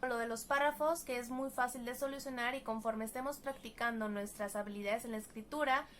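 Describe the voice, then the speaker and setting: A woman with a Mexican Spanish accent and a high voice leads a writing workshop. Her delivery is scripted and explanatory, clear and careful, and she slows down to spell out examples. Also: fairly even intonation, a little hiss or hum. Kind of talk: scripted teaching narration.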